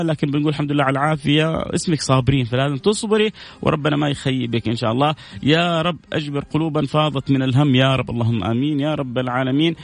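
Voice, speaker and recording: A man hosting a live stream, reading viewer messages and answering with blessings, prayers and light jokes. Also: fairly high pitch. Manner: warm, preachy, heaps blessings, jokes with viewers. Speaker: host reading viewer comments.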